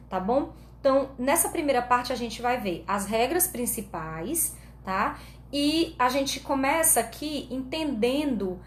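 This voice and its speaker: Her voice sitting high, a Brazilian Portuguese-accented woman teaches grammar online, walking through each step patiently and often checking on her students. The room is echoey, with faint noise in the background.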